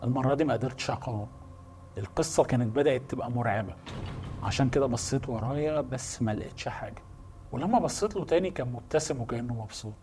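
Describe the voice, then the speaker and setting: Fast-talking Egyptian horror narrator. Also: male voice, medium pitch, dark tone, slight background noise. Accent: Egyptian Arabic. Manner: brisk, suspenseful, addresses the listener directly. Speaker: horror storyteller. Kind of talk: first-person horror narration.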